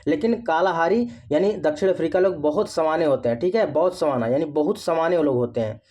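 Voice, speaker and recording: Man, North Indian accent, slightly high pitch, coaching teacher, repeats points, answers his own questions. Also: a little fast, a little mellow. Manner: repetitive, asks questions and answers them himself. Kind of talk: explaining memory tricks.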